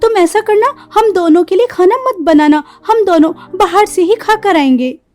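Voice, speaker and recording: A woman voicing a spoiled, lazy rich young daughter-in-law in a cartoon story, with a sugary, flattering way of talking. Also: very high-pitched, normal speed.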